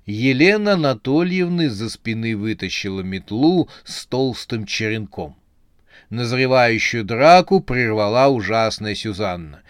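A man reads a comic horror novel aloud in a lively storyteller manner. His pitch is ordinary for a man. The recording is dry and close. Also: unhurried, clean tone, no room sound.

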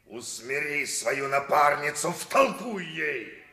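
An actor playing a harsh, menacing captor who gives threatening orders in an old radio drama style. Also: male voice, a little high, lively intonation, slow pace, vocal fry, pushed and bright, full character voice. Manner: commanding, threatening. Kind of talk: 1960s Soviet radio drama acting, old radio show. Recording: roomy, echoing old radio recording.

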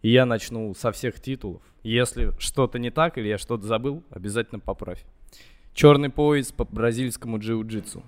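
A man's voice: mid-range voice, normal speed. A man co-hosting a podcast, introducing the topic and guest with playful mock formality. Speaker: podcast co-host. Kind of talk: casual podcast talk.

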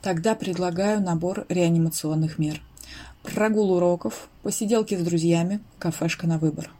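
A woman's voice: lowish voice, moderate pace, dark tone, natural voice. A woman reading the lines of a cocky, teasing teenage schoolboy in an audiobook, offhand and joking. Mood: gentle.

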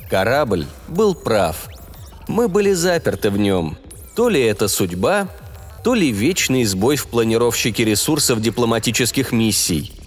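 Lively male audiobook narrator with reverb. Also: mid-range voice. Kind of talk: scripted science fiction story narration. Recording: long reverb, music behind.

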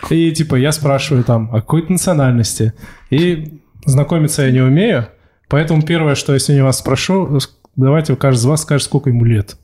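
A man's voice: medium pitch, fairly quick, warm tone. A man in his thirties leads a casual podcast conversation. He talks in a loose, self-ironic way, trailing into fillers and restarts as he fires off blunt questions in an ordinary mid-range voice. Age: 30s. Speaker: podcast host.

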